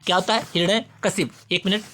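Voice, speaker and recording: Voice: medium pitch, a little fast, fairly bright tone. A teacher giving an exam-prep spelling lesson who addresses students directly and repeats each word several times while explaining.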